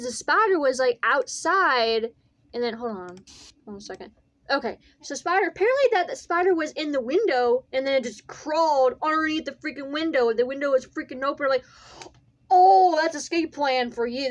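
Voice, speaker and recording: A young woman with a high-pitched voice casually reacts to videos from her small bedroom, circling back and repeating things as she recounts the events. The sound is lo-fi, with faint room noise.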